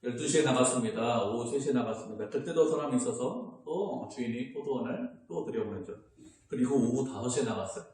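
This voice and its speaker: A man's voice: mid-range voice, expressive, brisk, darkish tone. A man preaching a sermon as a pastor in a conversational way, now and then acting out people's complaints. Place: church sanctuary. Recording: very echoey church hall.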